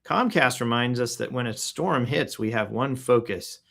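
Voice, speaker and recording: A man's voice: mid-range voice, moderate pace, a bit bright. Playful man hosting a casual news show. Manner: playful and joking, makes sound-effect noises, clears throat often. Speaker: host reading the news. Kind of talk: casual news read-through.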